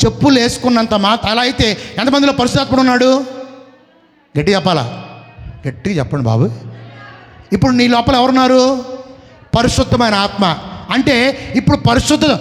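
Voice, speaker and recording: A man's voice: very high-pitched, lively intonation, a little fast, pauses often. A man with a Telugu accent, preaching a sermon and throwing questions to the congregation for them to answer. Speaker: pastor. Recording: long reverb of a hall.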